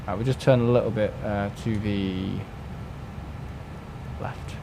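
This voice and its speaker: A man's voice: on the low side, steady tone, slow, background noise. A young man streaming live, chatting casually with viewers, joking and swearing now and then.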